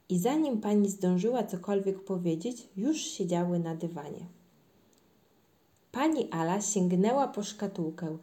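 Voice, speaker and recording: A woman's voice: fairly low pitch, warm tone. A woman reading a children's story aloud, lifting her voice for the children's lines.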